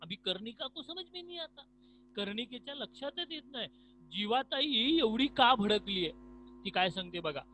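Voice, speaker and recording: A man's voice: very high-pitched, animated, normal speed, sharp tone, a little hiss or hum, rough recording. A male teacher giving an online lesson, explaining each word of a story and repeating it for his students.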